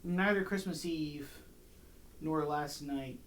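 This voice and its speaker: A woman's voice: low-pitched, slow, a little hiss or hum. A woman dog trainer talking casually through a training session, explaining each step as she goes. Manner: chatty, explains her steps aloud while training.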